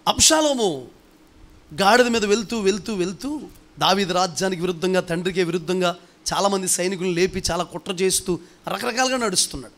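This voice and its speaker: A man's voice: high voice, fairly bright tone. A man pastor preaching a sermon, pressing his hearers with rhetorical questions and calling on them to answer aloud. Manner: emphatic, fires rhetorical questions, calls the congregation to respond.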